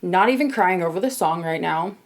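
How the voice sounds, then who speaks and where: A woman's voice: on the low side, lively intonation, fairly quick. A woman vlogger talking about music, chatty and emotional, reading excerpts aloud. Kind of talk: vlog commentary with readings.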